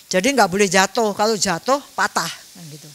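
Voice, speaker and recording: A woman's voice: medium pitch, brisk, a bit bright, slight background noise. A woman, giving a Buddhist Dhamma talk in a chatty storytelling way. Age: 70s. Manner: chatty storytelling, mixing in Javanese words. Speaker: Dhamma speaker.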